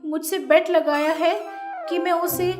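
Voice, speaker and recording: A woman voicing a proud, quick-tempered young daughter-in-law who talks in a shrill, indignant, pleading way, with music under her. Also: fairly even intonation, roomy sound.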